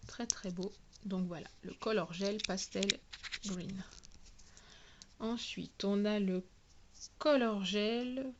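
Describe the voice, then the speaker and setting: A woman talking casually through a product unboxing, spelling out each product name slowly and clearly. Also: medium pitch, fairly even intonation, darkish tone, dull audio, a little hiss or hum. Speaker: nail product reviewer.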